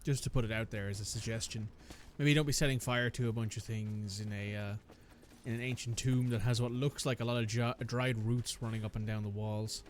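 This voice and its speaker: A man's voice: lowish voice, steady tone, a little fast, slight background noise. A man giving casual commentary while playing a video game, speaking with wry understatement. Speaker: let's player.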